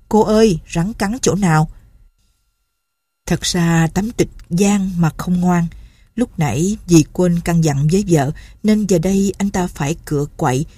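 A woman reading a village folk story aloud in a steady, measured way. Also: on the low side, breathy edge, no echo. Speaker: narrator. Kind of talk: storytelling narration.

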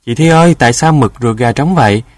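A man's voice: mid-range voice, moderate pace, dry recording, natural voice. A man voicing a whiny little child in a storybook tale who begs and complains. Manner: whiny, insistent.

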